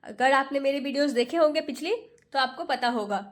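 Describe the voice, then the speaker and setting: A woman teaching English pronunciation in Hindi, sounding out each letter and patiently repeating every word. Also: high-pitched. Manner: sounds out letters slowly, one by one. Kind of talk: Hindi phonics lesson.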